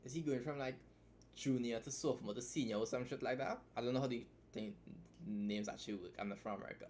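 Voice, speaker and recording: A man at an ordinary middle pitch gives a live-stream writing critique, blunt and full of swearing. He rambles and restarts his sentences as he reacts. Faint keyboard typing sits behind his voice. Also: fairly even intonation, quick pace, a little mellow, slight background noise. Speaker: streamer critiquing a writer's story.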